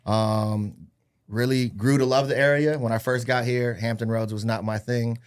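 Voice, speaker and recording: His voice is smooth and steady, at medium pitch and normal speed. The man, in his thirties, is a real estate agent born in Hawaii and raised in California and Arizona. As a podcast guest, he casually shares his life story with upbeat, self-deprecating humor.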